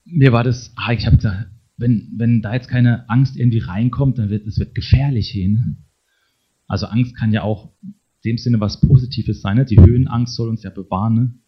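A man's voice: mid-range voice, normal speed, husky. A middle-aged man preaching a conversational sermon, speaking straight to his listeners and ending many sentences with a questioning tag. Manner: talks to the congregation directly, tags sentences with a questioning "ne?". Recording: dull lo-fi sermon recording.

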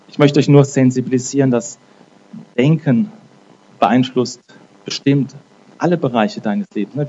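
Man preaching casually, dark voice. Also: mid-range voice, lo-fi sound, slight background noise. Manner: conversational, frequent "ne?" tags; repeats and restarts words. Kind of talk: informal sermon with prayer.

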